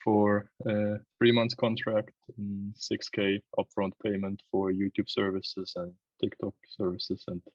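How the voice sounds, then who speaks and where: Speaking slowly with few pauses, this Swiss interview guest in his early twenties tells his own story in a relaxed chat; he works as a videographer and runs an agency. His lowish, darkish voice has a flat delivery. There's no room sound, and the audio is lo-fi.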